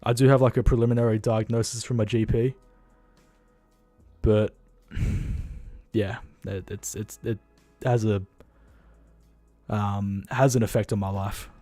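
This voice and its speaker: A tired young Australian man chats through a livestream in a loose, rambling way, blunt and quick to swear. His voice sits low and mellow, with a dry, close sound and faint music behind him. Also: little pitch movement, no echo. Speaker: livestream host. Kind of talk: casual livestream chat.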